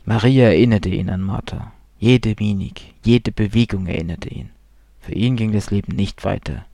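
A man reading a story aloud in a calm, measured audiobook style. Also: lowish voice, gravelly, no room sound, studio quality. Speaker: narrator.

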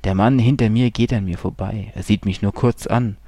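A man with a low, gravelly voice narrates a bleak horror tale in the first person. His tone is dark and husky, brooding and unhurried, sinking again and again into hushed whispers. The sound is dry and close. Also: steady tone, dry recording. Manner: brooding, slow, drops often into hushed whispers.

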